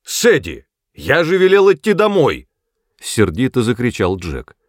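A man doing a gruff shouting father. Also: medium pitch, sing-song, measured pace, no echo, studio quality, voice pushed up. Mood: angry shouting. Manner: loud, bossy shouting. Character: gruff, hot-tempered grown man, a father.

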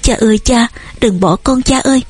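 A woman voicing a headstrong young daughter who shouts back, shrill and tearful, with a husky voice. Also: lively intonation, fast, soft background music. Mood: sobbing.

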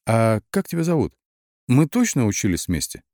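A man voicing a quick, pushy young woman who talks in eager, chattering bursts. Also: mid-range voice, big pitch swings, darkish tone, no echo, studio quality, pitched above the performer's own voice.

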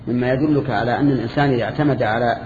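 An older man teaching a lesson to students, explaining a classical text in a measured way with restarts and questions to the class. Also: mid-range voice, steady tone, a little mellow. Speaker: teacher of Islamic creed. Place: lecture hall with students. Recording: echoey hall, dull lo-fi tape with faint hiss.

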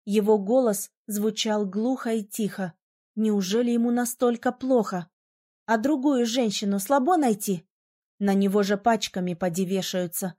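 A woman narrating a novel in the first person, reading in an expressive, lively way. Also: mid-range voice, moderate pace. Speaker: audiobook narrator.

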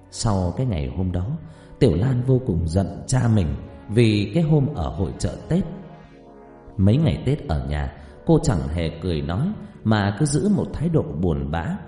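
A man narrating a story in an expressive, dramatic reading style. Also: low voice. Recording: echoey reverb, faint music behind.

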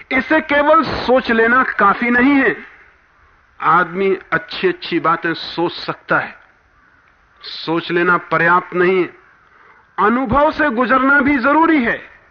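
High-voiced man giving a fervent spiritual talk. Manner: emphatic, swinging between forceful rises and hushed drops. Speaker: spiritual teacher. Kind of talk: spiritual discourse. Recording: dull lo-fi archival talk recording.

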